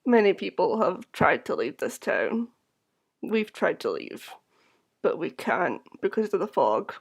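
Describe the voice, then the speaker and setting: An eerie catfolk woman of a tavern, acted out by a woman in a tabletop game. She speaks slowly in a flat monotone, resigned and empty of emotion. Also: lowish voice, vocal fry, husky, voice pushed down, full character voice.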